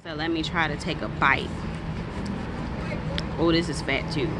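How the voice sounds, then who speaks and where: A woman's voice: low-pitched, steady tone, a little slow, noisy background. A woman vlogging casually on her phone, chatty and playful, calling her viewers baby and child. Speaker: travel vlogger. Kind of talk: casual vlog chat.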